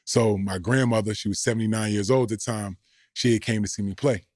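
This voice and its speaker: A man's voice: on the low side, steady tone, a little fast, darkish tone, dry recording, clean studio sound. A middle-aged man, a former pro basketball player, telling slangy, rambling stories as a podcast guest. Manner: laid-back, slangy, rambling. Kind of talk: casual storytelling.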